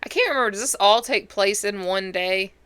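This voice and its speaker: Woman reaction host, hoarse and congested, sassy running commentary, bright voice, faint noise behind. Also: mid-range voice, a little fast. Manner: chatty, sassy, talks back at the screen.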